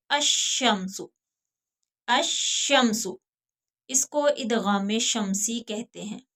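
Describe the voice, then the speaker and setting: A woman teaches a recorded Quran lesson. Her voice sits fairly high and she takes her time, drawing out each example word with care. She sounds like a patient teacher. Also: a bit bright. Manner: slow, deliberate explanation, drawing out example words.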